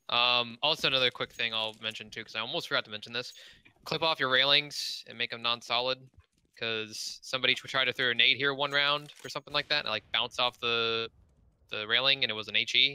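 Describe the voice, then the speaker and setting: A man in a gaming voice chat, explaining map tricks step by step in a relaxed way. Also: mid-range voice, a little fast, clean tone. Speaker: playtester.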